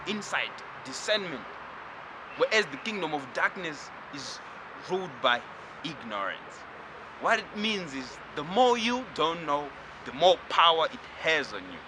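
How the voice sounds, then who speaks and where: A man from Zimbabwe giving a spiritual lecture, talking slowly and reflectively and addressing the listener directly. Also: fairly high pitch, background noise.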